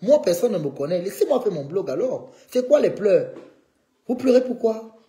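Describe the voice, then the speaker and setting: A man's voice: high voice, sing-song, a little fast, mellow, roomy sound. A man hosting a live stream, needling a rival and calling on his viewers in a combative way.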